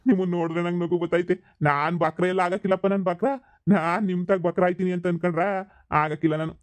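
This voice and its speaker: A man's voice: high-pitched, fairly even intonation, fast, no room sound, lightly acted. A man playing a bewildered, scolding village father who has forgotten his family, in a comedy skit. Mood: puzzled, scolding. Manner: scolding, incredulous, rambling.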